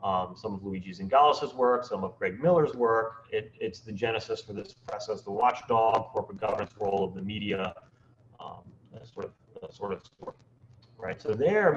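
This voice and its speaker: A man gives an academic seminar with plenty of halting fillers, and his pitch swings widely as he explains. His voice arrives over a video call at a low sample rate, so it sounds robotic, dull and lo-fi. A faint hiss of noise sits underneath. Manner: halting, filler-heavy delivery with lively intonation. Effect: low sample rate, robotic-sounding online audio. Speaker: seminar presenter. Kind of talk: academic research talk. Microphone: computer mic on a video call.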